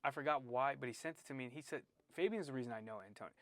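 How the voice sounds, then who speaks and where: A man hosting a casual interview, relaxed and slangy, chiming in with quick agreement and his own memories. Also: medium pitch, no room sound. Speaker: podcast host.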